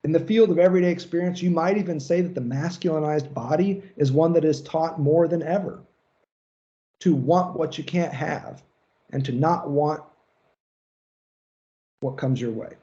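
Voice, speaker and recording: A man's voice: fairly high pitch, moderate pace, long pauses, mellow, dull audio. A man giving a recorded lecture on psychoanalysis in a casual, conversational way, with loose asides and the odd swear word. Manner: casual, conversational, profane, fillers like "like".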